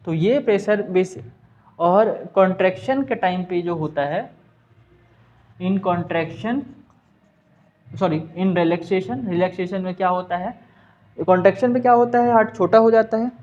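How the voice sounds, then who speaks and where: A man's voice: high-pitched, brisk, a little mellow, muffled recording. A man teaching a science class, with a Hindi accent, who asks and answers his own questions and mixes in English terms. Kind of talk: class lesson.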